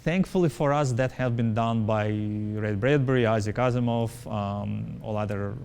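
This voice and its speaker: This company founder speaks English as a second language, and in the interview he answers emphatically, repeating points and checking with "right?". His voice is lowish and darkish with vocal fry, recorded cleanly, at a moderate pace.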